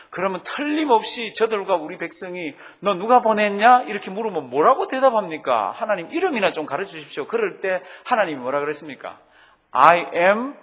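A man's voice: high voice, a bit bright, slightly rough. A middle-aged man preaching a sermon as pastor, emphatic, quoting scripture and stressing key phrases.

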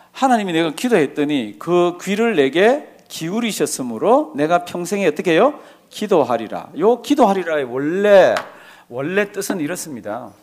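A male pastor delivering a sermon with a fairly high, lively voice that swoops up and down. He asks his listeners questions and acts out prayers as he preaches. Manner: animated preaching with acted-out prayers and questions to the congregation.

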